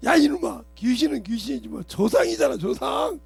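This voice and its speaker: A stubborn old father who keeps to his ancestors speaks low and grumbling, acted out by a man in his sermon. His voice is gravelly and raspy. He mutters most of the time and snaps into a scolding bark when he is pushed. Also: expressive, brisk, a little mellow, no room sound, soft background music, exaggerated voice.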